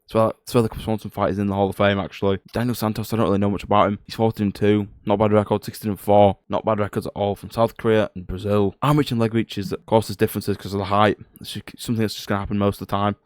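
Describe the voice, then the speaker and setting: Young roadman guy doing fight picks, talks quick, lowish voice, sweary and fed up. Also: no room sound, studio quality. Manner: flat, low-energy, grumbling. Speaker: MMA prediction video host. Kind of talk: casual fight commentary.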